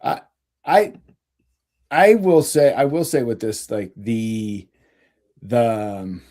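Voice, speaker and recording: A man co-hosting a podcast in casual chat, rambling slowly with many fillers. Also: mid-range voice, mellow. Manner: slow, rambling, lots of "like" and "dude". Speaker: podcast co-host.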